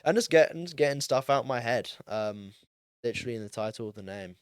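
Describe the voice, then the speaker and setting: A man's voice: mid-range voice, expressive, brisk, clean tone, dry recording, clean studio sound. A young man in his late teens hosting a solo podcast, rambling in a casual, self-deprecating way with lots of ums and likes. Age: young adult, turning twenty. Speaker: podcast host.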